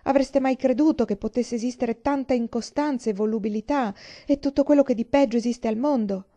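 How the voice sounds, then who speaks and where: A woman's voice: a little high, a little fast, mellow, voice pushed up, close to an everyday voice. A woman reading an audiobook voices a distressed, earnest young woman who speaks in a pleading, agitated way.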